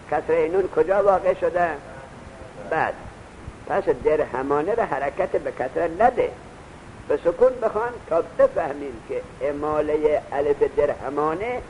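A man's voice: fairly high pitch, darkish tone, a little hiss or hum, low-quality recording. A man teaching Arabic grammar in a classroom lecture, repeating his points and quizzing his students. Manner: urges students to take notes.

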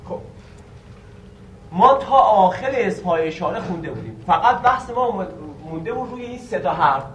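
Guy teaching grammar, quizzes the class, highish voice, mic far off w faint room hum. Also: big pitch swings, a bit bright. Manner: repeats and quizzes students, stretches key words. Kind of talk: Arabic grammar lesson. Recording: echoey room recorded from afar.

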